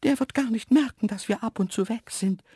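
A storyteller voicing two cheeky, teasing invisible antelopes in a high, sly, whispery voice. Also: a little fast, mellow, slightly rough, no echo, clean studio sound, natural voice. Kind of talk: audiobook storytelling.

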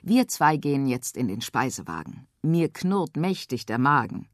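A woman voicing a firm, caring mother in a children's radio story, brisk in manner. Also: a bass voice, very animated, no echo, studio quality.

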